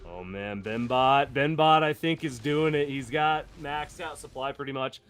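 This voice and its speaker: A man hosting live esports commentary, excitable and laughing often, sometimes bursting into shouts, with the hiccups. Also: mid-range voice, normal speed, clear, resonant tone. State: has the hiccups. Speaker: esports caster.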